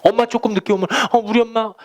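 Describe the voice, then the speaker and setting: A man preaching a sermon as pastor, speaking slowly and emphatically, and acting out little stories for his listeners. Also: high-pitched, fairly even intonation, darkish tone, dull audio. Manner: emphatic preaching, slow deliberate phrasing, acting out anecdotes.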